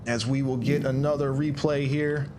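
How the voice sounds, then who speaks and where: A man giving folksy, high-energy play-by-play commentary on a virtual drifting event from his desk. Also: little pitch movement, moderate pace, noisy background. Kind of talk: live sim racing commentary. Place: home desk.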